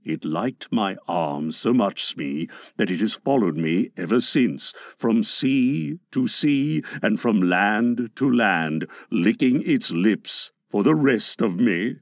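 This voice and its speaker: A man voicing a menacing, brooding pirate captain in a storybook reading, slow, dark and dramatic. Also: lowish voice, expressive, dry recording, clean studio sound, voice pushed down. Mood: haunted, brooding.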